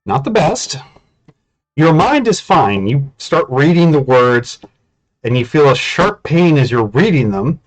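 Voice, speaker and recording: A man's voice: a little high, sing-song, measured pace, rough recording. A man casually narrating a tabletop game as game master, in an informal way.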